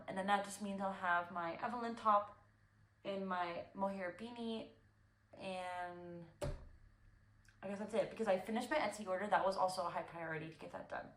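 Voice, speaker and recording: A woman's voice: medium pitch, a bit bright, reverberant. A young woman hosting a knitting podcast, chatting casually and rambling with fillers and restarts. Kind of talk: casual chat.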